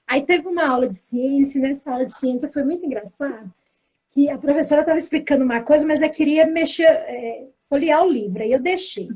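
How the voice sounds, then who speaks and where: A woman, a teacher, tells a school story in a casual, animated way. Her voice sits high, and she slips into the other speakers' lines as she goes. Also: brisk. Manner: lively storytelling, acting out the dialogue. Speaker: teacher and pedagogical coordinator. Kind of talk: casual spoken anecdote.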